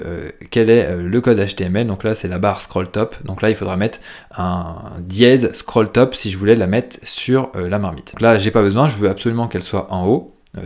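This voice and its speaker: A man with a French accent hosting a casual software tutorial, chatty and full of fillers as he walks through settings. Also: fairly low pitch. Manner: chatty, lively, with frequent fillers. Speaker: host of a plugin tutorial show. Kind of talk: casual screen-share tutorial.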